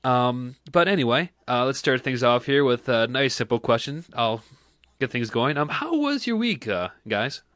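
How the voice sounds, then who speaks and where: A man's voice: mid-range voice, very animated, normal speed, a bit bright, no echo. A man hosting a casual podcast chat, joking and laughing often as he rambles. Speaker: podcast host.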